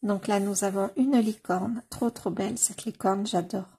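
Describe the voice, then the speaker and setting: A woman casually leafing through a coloring book on camera, gushing over the pages with many fillers and slowly sounding out titles. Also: medium pitch, steady tone, mellow, slight background noise. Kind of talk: casual flip-through commentary.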